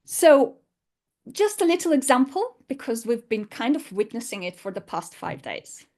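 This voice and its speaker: Explaining with emphasis and rhetorical questions, this woman gives an unscripted online lesson in English, which is her fourth language and not her native one. Her fairly high, darkish voice moves at normal speed with big swings in pitch.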